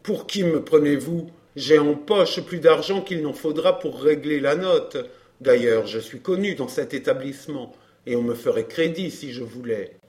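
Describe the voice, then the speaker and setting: A man voicing a suave, self-assured wealthy baron who teases and stays smooth. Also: on the high side, moderate pace, darkish tone, lightly acted. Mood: amused. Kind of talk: audiobook dialogue.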